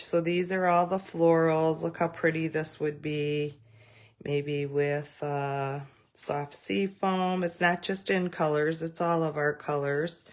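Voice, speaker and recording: A woman's voice: lowish voice, darkish tone. A woman giving a live craft demonstration, chatty and rambling, greeting viewers by name as she goes. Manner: rambling with many fillers and restarts.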